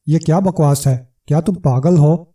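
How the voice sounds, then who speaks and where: A man's voice: fairly high pitch, dark tone, distant mic, natural voice. A man voicing a boastful, scrawny male trickster who blusters and flares up in anger, in a storybook reading.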